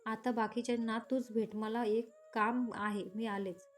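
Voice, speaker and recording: A woman voicing a proud young woman in a read-aloud romance story, defiant and sharp-tongued. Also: on the high side, little pitch movement, a little slow, slight background noise, close to an everyday voice. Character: young woman, sulky, proud, angry at her ex.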